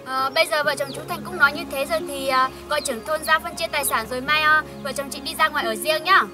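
A woman's voice: high voice, fairly even intonation, fast talker, music in the background, natural voice. A woman playing a pushy young wife who insists on moving out and argues sharply with her mother-in-law. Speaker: daughter-in-law.

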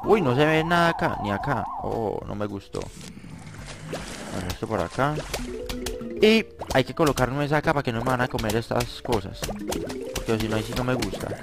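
An excitable man narrates his own gameplay, chatting to viewers and yelling at the enemies on screen. His voice sits at an ordinary mid pitch. Game music plays clearly behind him. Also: normal speed. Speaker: gaming commentator. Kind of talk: let's play game commentary.

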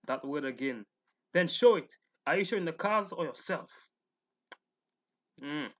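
A young man hosting a casual video where he reads out comments and reacts in slangy, mocking, incredulous asides. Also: medium pitch. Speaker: YouTube host reading and reacting to comments.

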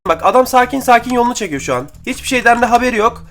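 A young man giving excitable, slangy gameplay commentary and chatting to his viewers as he plays. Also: extremely high pitch, very fast. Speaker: gaming YouTuber.

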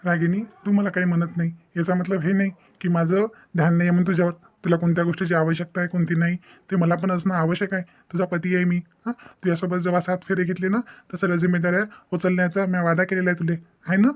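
A man's voice: high voice, little pitch movement, quick pace, hardly any pauses, lightly acted. A man voicing a devoted young husband in a cartoon family drama, earnest and insistent, lecturing with questioning tags in a Maharashtrian Marathi accent. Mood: insistent, caring.

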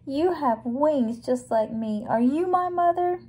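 A woman's voice: high-pitched, animated, a little slow, mellow, pitched above the performer's own voice. A woman voicing a small, lonely young male bird in a storybook, plaintive and pleading as he searches for a mother. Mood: hopeful, pleading.

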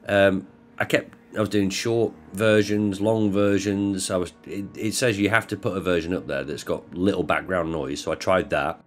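A man's voice: low voice, fairly even intonation, normal speed, soft background music. A man from the north of England, chatting casually to camera with rambling, self-correcting restarts. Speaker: video creator.

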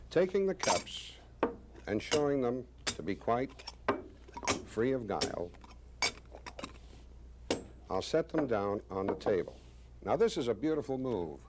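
A man in his sixties, a magician presenting a demonstration with deliberate, showman-like, wryly self-praising patter. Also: fairly low pitch, a little mellow. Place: small indoor studio stage with curtain. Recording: faint background noise.

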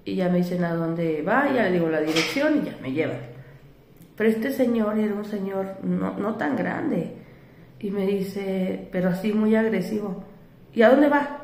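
A woman's voice: mid-range voice, moderate pace, a little mellow, roomy sound, slight background noise. A woman with a Mexican accent, shaken and upset, telling a rambling story to her vlog viewers while doing her makeup, with lots of "este" fillers. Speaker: vlogger.

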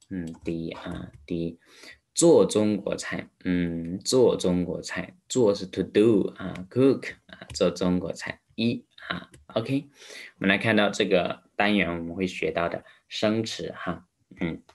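A man teaching Chinese vocabulary, repeating each word slowly and adding English glosses, with a Mandarin accent. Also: low-pitched. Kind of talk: vocabulary lesson.

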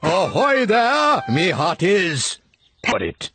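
A man's voice: sits high, wildly swooping pitch, takes it slowly, full character voice. A man with a British accent voicing a hearty old grandfather pig playing sea captain in a preschool cartoon. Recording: music behind the voice.

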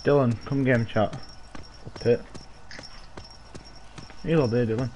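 A man's voice: mid-range voice, steady tone, slow pace, darkish tone, slight background noise, low-quality recording. A young man, chatting casually and swearing as he streams a game with friends. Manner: sweary, teasing banter. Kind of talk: casual gaming chat with friends.

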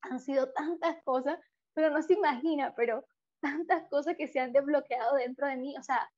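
A woman's voice: high voice, moderate pace, darkish tone, highs cut off. A Colombian woman with a Colombian Spanish accent giving an earnest personal testimonial, full of fillers and restarts. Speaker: program participant giving a testimonial.

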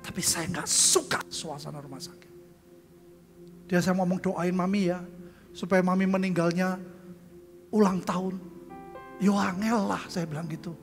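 A man's voice: fairly even intonation, normal speed, long pauses. An older man preaching a testimony sermon, telling stories with acted-out dialogue and calling the congregation "saudara". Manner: storytelling with acted-out dialogue, addresses crowd as saudara; bursts into loud high exclamations. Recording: long hall reverb with faint music.

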